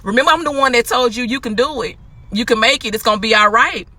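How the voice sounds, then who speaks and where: A woman in casual spoken advice, chatty and animated, acting out quotes. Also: a little high, fast, no echo. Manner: chatty, animated, laughs often, acts out quotes. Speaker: host.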